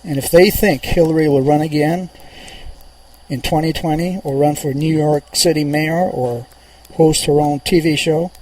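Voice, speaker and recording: A man's voice: fairly high pitch, a little mellow, poor audio. A man hosting a political radio show, delivering a monologue in an emphatic, insistent way and repeating his points for emphasis.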